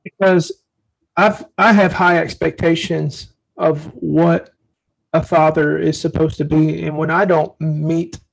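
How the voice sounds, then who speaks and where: A man with a high-pitched, gravelly voice talks earnestly about parenting in a casual faith-based chat. He tells stories from his own life and acts out the lines of the people in them. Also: flat delivery, slow, rough recording. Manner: earnest, storytelling, acts out quotes. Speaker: podcast co-host.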